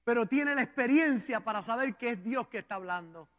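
A man preaching a sermon with dramatic emphasis, slowing down and stretching words, then rushing ahead. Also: very high-pitched, expressive. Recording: long hall reverb.

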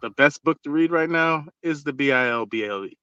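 A man's voice: a little high, fairly quick, sharp tone, smooth, no echo, highs cut off. A male caller on a call-in show, enthusiastic and slangy, turning preachy at times. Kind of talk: casual call-in chat.

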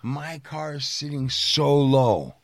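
Gravelly man telling a story with profanity. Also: a little high, slow, no room sound. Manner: animated, swearing, acting out quoted people. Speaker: podcast storyteller.

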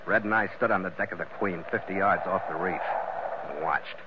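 An actor playing a tough, terse ship's skipper in a hard-boiled 1940s radio style. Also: male voice, low-pitched, fairly quick, close to an everyday voice. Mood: grim, measured. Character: tough, weary, decisive male ship's skipper. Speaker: lead actor and narrator. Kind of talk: 1940s radio acting with first-person narration. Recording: muffled, very noisy old radio recording.

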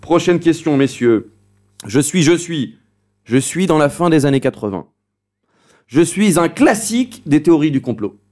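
Un homme qui anime un jeu radio, lisant les énigmes avec emphase théâtrale. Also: male voice, a little high, sing-song, a little mellow. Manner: theatrical, drawn-out riddle reading. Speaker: game show host. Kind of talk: radio quiz hosting.

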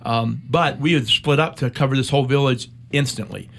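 Gravelly yet fairly bright at a medium pitch, this middle-aged veteran from the United States tells an interviewer a personal war story. His delivery is measured and reflective, broken by frequent pauses.

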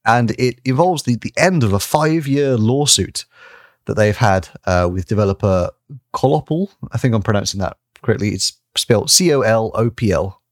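A man with a lowish voice chatting casually as a podcast co-host, rambling through his points with plenty of fillers and easy laughs. He swears now and then. The sound is dry and close. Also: normal speed, no echo. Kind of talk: casual chat.

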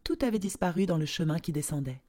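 A woman narrating a storybook tale in a slow, expressive telling. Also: lowish voice.

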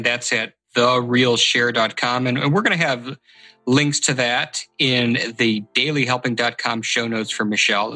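Bright-toned upbeat male podcast host. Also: medium pitch, rough recording. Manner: upbeat, scripted sign-off phrasing. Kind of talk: interview hosting and show outro.

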